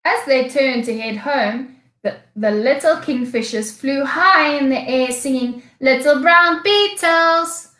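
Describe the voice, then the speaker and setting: A woman teacher with a South African accent reading a storybook aloud to young children, slow and expressive. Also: high voice. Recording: echoey room.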